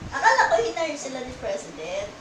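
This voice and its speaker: A woman's voice: high voice, wildly swooping pitch, rapid-fire. Woman player in an echoey, noisy room. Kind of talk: casual chat during a game.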